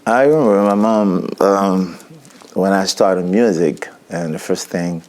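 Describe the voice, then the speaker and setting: Deep-voiced Haitian man, halting and reflective. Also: darkish tone. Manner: halting, reflective, many restarts. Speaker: musician guest. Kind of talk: interview. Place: TV studio set. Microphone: lapel mic.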